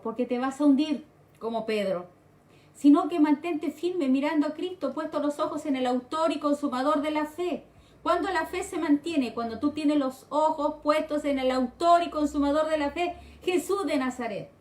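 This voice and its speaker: A woman's voice: high voice, moderate pace, darkish tone, reverberant. A woman with a Chilean accent preaching, exhorting her listeners and repeating phrases for emphasis. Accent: Chilean Spanish. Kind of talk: sermon.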